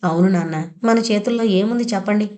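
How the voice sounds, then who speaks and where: A woman voicing a gentle young daughter who soothes her father in a soft, consoling way. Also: medium pitch, a little fast, close to an everyday voice.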